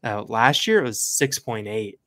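A man's voice: mid-range voice, moderate pace, fairly bright tone. A man co-hosting a sports podcast, casually breaking down the game and rattling off stats with plenty of fillers. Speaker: podcast co-host.

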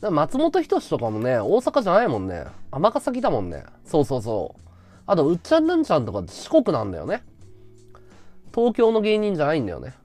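A man's voice: fairly high pitch, wildly swooping pitch, fairly quick, darkish tone, faint music behind. A man hosting a casual livestream chat, talking freely and thanking viewers for gifts. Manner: chatty, reacts to viewer gifts. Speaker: livestream host.

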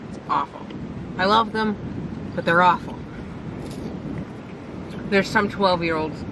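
A teenage girl chatting with her friend in a parked car, quick with joking asides. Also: lowish voice. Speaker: friend, co-host. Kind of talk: casual car chat. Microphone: camera on dashboard. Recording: loud wind noise in car.

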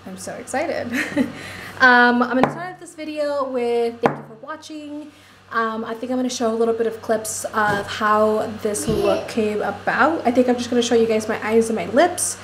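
A young woman chatting excitedly and quickly through a casual makeup vlog at home. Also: fairly high pitch, background noise. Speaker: vlogger.

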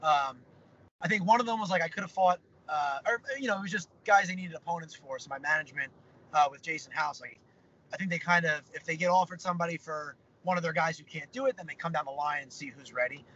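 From a parked car, a young fighter being interviewed on a video call talks fast in a bright, forceful, slightly high voice. He's upbeat, rambling, and leans heavily on fillers, while the phone-camera audio sounds a little dull with a faint car hum.

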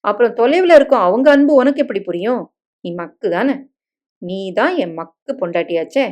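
Woman voicing a gentle teasing young husband. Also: a little high, expressive, moderate pace, muffled recording, natural voice. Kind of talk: dramatic story reading.

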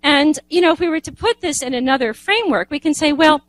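A woman's voice: high-pitched, quick pace, no echo, low-quality recording. A woman giving an informal lecture, talking conversationally with many asides and restarts. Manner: conversational, frequent "you know" and restarts.

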